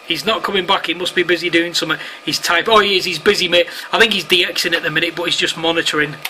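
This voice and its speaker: Sitting at his home radio set, a man talks casually over two-way radio in matey slang and radio jargon, recording for online videos as an amateur operator. He speaks fast with a sharp tone, pitched on the high side with fairly even intonation. The indoor recording has clear room noise.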